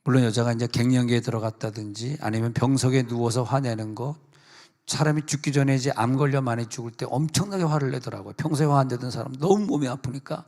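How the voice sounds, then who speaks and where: A senior pastor giving a chatty sermon at a prayer meeting, teasing the congregation and acting out quotes. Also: male voice, mid-range voice, quick pace, a little mellow. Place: church sanctuary. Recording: reverberant church hall.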